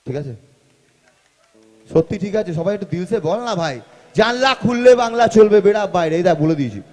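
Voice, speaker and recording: A male singer from West Bengal chatting with the crowd and sound crew between songs, his voice booming back with heavy hall echo through the stage speakers. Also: lively intonation, a little fast. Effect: heavy cavernous hall echo. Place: large concert hall, live stage. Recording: booming echoey hall with loud live music.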